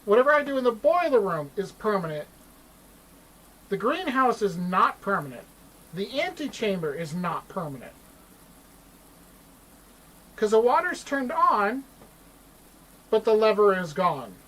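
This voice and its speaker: A woman's voice: mid-range voice, big pitch swings, unhurried, pauses often, a bit bright, rough recording. A woman giving casual commentary as she streams a game.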